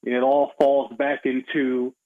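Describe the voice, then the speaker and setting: A medium-pitched man calls in as a guest with sports commentary that is measured but opinionated, delivered flatly in casual, conversational language. The line sounds tinny, like a phone.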